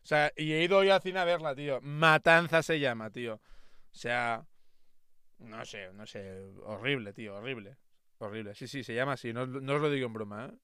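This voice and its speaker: A young man with an accent from Spain, chatting excitedly on a livestream, swearing freely and tossing playful insults at friends. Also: mid-range voice, moderate pace, smooth, no echo, clean studio sound. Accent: Spain Spanish. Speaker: streamer. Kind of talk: casual livestream chat reacting to fan art.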